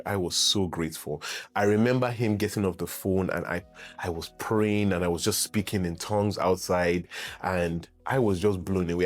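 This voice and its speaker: A young adult man with a Nigerian English accent, telling his own story to camera in a lively, casual way, laughing often and jumping up in pitch when he acts out what people said. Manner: animated, laughs often, acts out quotes with big pitch jumps. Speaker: actor sharing his story.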